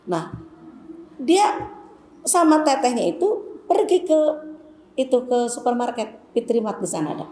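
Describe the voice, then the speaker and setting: Middle-aged female religious teacher, slightly high and lively storyteller, echoey hall. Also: unhurried, pauses often. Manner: chatty, storytelling, addresses the women as "Bu". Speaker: Islamic women's teacher. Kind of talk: conversational Islamic lecture with anecdotes. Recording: echoey hall, faint background noise.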